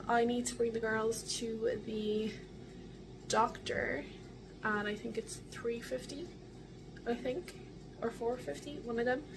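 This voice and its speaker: A woman's voice: fairly high pitch, gravelly, background noise. A young adult woman with an Irish accent, chatting casually and in a rambling way, as in a video diary. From Ireland. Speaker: vlogger.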